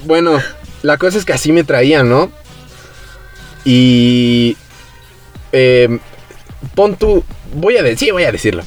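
A man's voice: mid-range voice, takes it slowly, long pauses, soft background music. Young Mexican man telling stories casually. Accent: Mexican Spanish. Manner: relaxed, slangy, acts out quoted voices. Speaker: podcast host. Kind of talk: casual storytelling chat.

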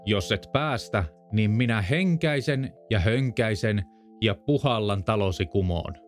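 A man's voice: lowish voice, expressive, soft background music, close to an everyday voice. A man voicing a sly, menacing big bad wolf in a storybook reading.

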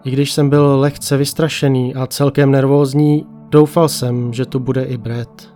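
A man narrating a ghost story in the first person, calm and measured. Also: medium pitch. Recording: faint music behind.

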